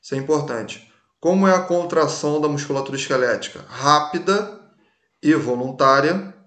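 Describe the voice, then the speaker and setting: A man's voice: fairly high pitch, normal speed, fairly bright tone. A man teaching a recorded class in a casual way, often checking that students follow along. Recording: echoey room.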